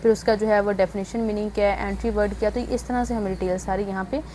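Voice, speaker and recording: A woman teacher walking students through an English textbook exercise, mixing English terms into her speech and sounding out words slowly. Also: mid-range voice, fairly even intonation, warm tone, a little hiss or hum. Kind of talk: explaining a textbook exercise in an online lesson.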